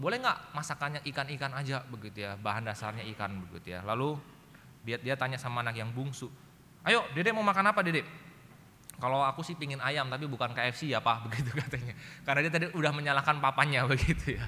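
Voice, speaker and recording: A male pastor with an Indonesian accent delivering a sermon, telling a family story and acting out the voices, often addressing the congregation directly. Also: mid-range voice. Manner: keeps addressing the congregation as ladies and gentlemen. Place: church hall. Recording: reverberant church hall with faint noise.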